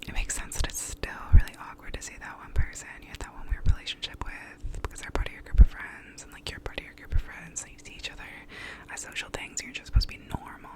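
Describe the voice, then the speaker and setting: A woman's voice: quick pace, low-quality recording. A woman whispers an ASMR pep talk right up close to the microphone. She offers validating affirmations in an informal, reassuring way, with some casual swearing. The whole delivery stays in a whisper. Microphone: close to the mouth.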